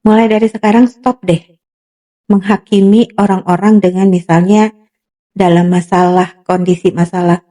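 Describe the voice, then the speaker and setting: Mellow-voiced woman psychologist explaining. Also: mid-range voice, flat delivery, normal speed. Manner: explanatory, voices imagined remarks, frequent fillers. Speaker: psychologist guest. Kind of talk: casual podcast conversation.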